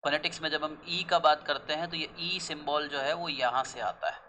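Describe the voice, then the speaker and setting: A young man with an Indian accent teaching an English pronunciation lesson. He mixes Hindi and English, saying the English slowly and deliberately and rushing through the Hindi, and he asks questions and answers them himself. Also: on the high side, bright, forceful tone, a little hiss or hum, rough recording. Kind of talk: classroom lesson.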